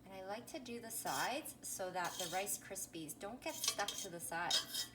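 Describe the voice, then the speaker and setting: A woman's voice: medium pitch, a little slow. Woman kids show host in a noisy, echoey kitchen. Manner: simple, sing-song teacher-like address to children, with questions. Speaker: presenter of a children's cooking video. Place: home kitchen. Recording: echoey kitchen, loud background noise, pan clatter.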